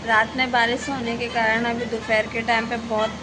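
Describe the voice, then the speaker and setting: A woman's voice: little pitch movement, normal speed. A young woman and mother talking casually to her viewers in a home vlog, chatty and direct. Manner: chatty, addresses viewers as guys, shifts to high sing-song with her child. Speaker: vlogger, mother. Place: home during a power cut, fan or inverter running. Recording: clear background noise at home.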